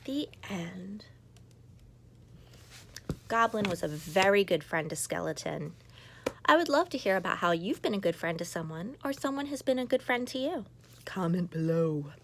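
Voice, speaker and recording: A woman's voice: fairly low pitch, big pitch swings, brisk, a bit bright, slight background noise. A woman in her thirties, a mother, reading a children's picture book aloud with playful asides to young listeners. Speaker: children's story reader, mother.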